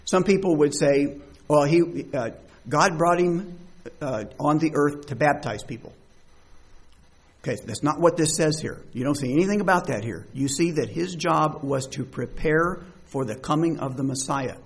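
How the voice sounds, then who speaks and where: A man's voice: fairly high pitch, moderate pace, slightly rough. A man preaching a conversational sermon, reading verses and asking rhetorical questions. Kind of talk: sermon, bible study.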